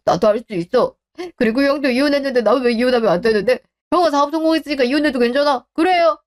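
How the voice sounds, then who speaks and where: A woman's voice: sits high, quick pace, lightly acted. A woman voicing a stubborn, defensive younger husband who argues indignantly with his mother in a radio drama.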